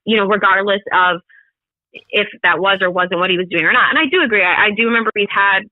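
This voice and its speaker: A fast-talking American podcast co-host with a mid-range voice discusses things casually but earnestly and emphatically. Her audio sounds thin, like a phone line.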